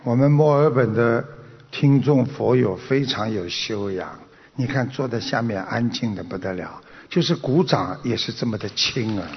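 A man's voice: mid-range voice, expressive, moderate pace. A man giving a Buddhist sermon to a seated audience, telling stories, acting out the quotes and chuckling. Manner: storytelling, acts out quotes, chuckles. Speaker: Buddhist master. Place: lecture hall with audience. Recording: dull recording in an echoey hall.

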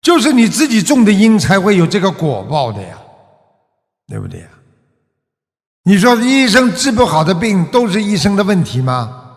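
Male Buddhist preacher, raised gravelly voice, lively pitch swings, rhetorical questions, reverberant hall. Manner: asks the audience many rhetorical questions; ends phrases with a drawn-out 'ah' particle. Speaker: Buddhist teacher. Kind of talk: Buddhist sermon to followers. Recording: long reverb of a large hall.

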